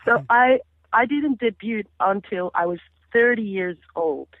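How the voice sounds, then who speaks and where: A Caribbean woman in her thirties, a singer guesting on an interview, chats casually in an unhurried mid-range voice. Papiamento is her first language, and she tells stories animatedly, often restarting. The recording is dry and comes over a phone line.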